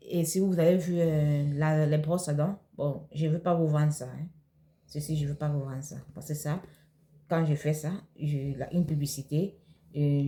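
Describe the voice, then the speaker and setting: A woman vlogger from Cameroon, her voice deep and warm, answers questions from viewers in a relaxed but hesitant manner, frequently using fillers and starting over.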